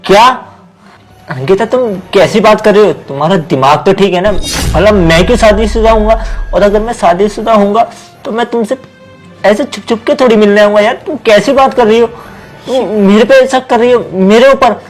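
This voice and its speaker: A man plays an evasive young boyfriend in a melodramatic web drama, his slightly high voice coaxing and casual. Faint music plays underneath. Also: moderate pace, natural voice. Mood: indignant.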